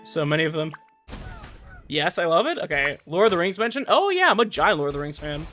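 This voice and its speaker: A man livestreaming a game talks at a fairly high pitch with big pitch swings, briskly, his tone pushed and bright. He chats casually and enthusiastically, rambling and often restarting sentences, with music behind him.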